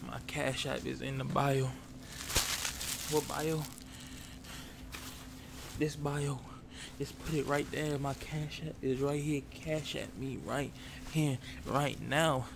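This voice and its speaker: A man plays a jittery addict down on his luck in an ASMR role-play for ASMR. The voice is full of gravelly creak and moves little in pitch. He rambles, repeats himself and pleads for handouts, with clear noise in the recording. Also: level tone, takes it slowly. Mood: begging.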